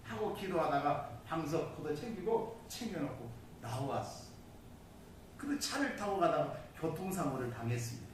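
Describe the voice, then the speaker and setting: A man delivers a sermon with a high, lively voice that leaps up and drops low as he tells his story. He is recorded from a distance in a church, so his words ring through a strongly echoing hall. A faint hiss sits under the sound. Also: normal speed. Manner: dramatic storytelling with sudden loud and soft swings. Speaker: pastor. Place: church sanctuary. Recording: distant mic in a very echoey hall.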